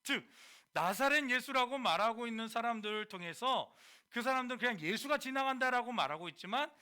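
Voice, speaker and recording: Animated high-voiced male youth preacher. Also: a little fast, clear, resonant tone. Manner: animated, quizzes the audience, mixes casual speech. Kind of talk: sermon to high schoolers.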